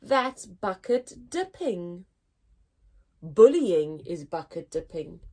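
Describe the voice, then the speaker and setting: Reading a picture book to young children at story time, this woman speaks in a lowish voice. Her delivery is expressive and deliberate, much like a teacher's.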